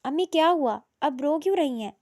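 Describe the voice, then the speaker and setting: A woman voicing a gentle young daughter who coaxes and pleads softly in a storybook reading. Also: a little high, no echo, studio quality, natural voice. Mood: pleading.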